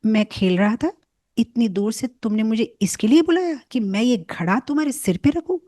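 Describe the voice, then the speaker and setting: A woman voicing a proud young cowherd prince who refuses to carry a pot, in a haughty, higher-pitched storytelling voice. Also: animated, normal speed, mellow, no echo, studio quality. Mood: indignant.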